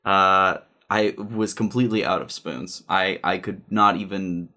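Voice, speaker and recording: A man's voice: deep voice, unhurried, bright, forceful tone. A man co-hosting a podcast from a room in his house, talking casually with many restarts and a dry, sarcastic humor. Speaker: podcast co-host. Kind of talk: casual chat.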